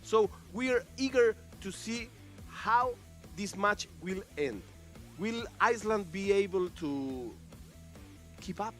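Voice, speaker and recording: A man's voice: sits high, lively intonation, slow, fairly bright tone, faint music behind. A male esports commentator speaking live from a tournament venue, enthusiastic and repetitive, with slightly non-native phrasing.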